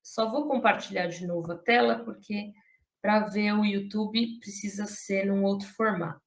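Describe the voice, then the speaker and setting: Brief: woman workshop host, casual and chatty, mid-pitched, roomy echo. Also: fairly even intonation, moderate pace. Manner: chatty, talks through what she is doing on screen. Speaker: workshop presenter. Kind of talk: casual online workshop talk.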